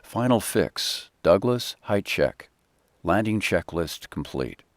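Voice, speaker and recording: A man with a very low voice gives clipped pilot callouts. He is terse and procedural, leaving each phrase short and unhurried. The sound is dry and close, with very little room in it. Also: big pitch swings, no room sound. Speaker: airline pilot. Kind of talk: clipped cockpit callouts and checklist calls.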